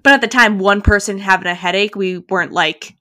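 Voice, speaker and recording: This podcast co-host is a talkative young woman with a mid-range voice who speaks fairly quickly. She's telling a story with lots of animation in a casual chat, frequently dropping "like" and "literally."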